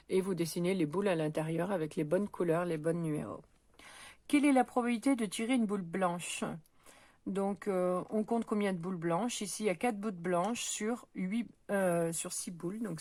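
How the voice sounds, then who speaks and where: A woman teaching a middle school math lesson, working through probability exercises out loud in a patient, step-by-step way with many small hesitations. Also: on the low side, no echo. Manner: patient, talks while counting and pointing things out, frequent "euh" and "donc". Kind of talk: recorded lesson, correcting exercises aloud.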